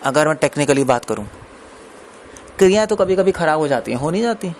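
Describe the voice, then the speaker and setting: A man's voice: on the high side, expressive, brisk, a little hiss or hum. A man preaching a scripture discourse in a conversational way, mixing in English words and laughing between points.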